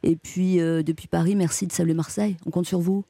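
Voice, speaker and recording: A radio host interviewing a guest and announcing what comes next, with brisk delivery. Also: medium pitch, fairly even intonation, vocal fry, dark tone, no echo.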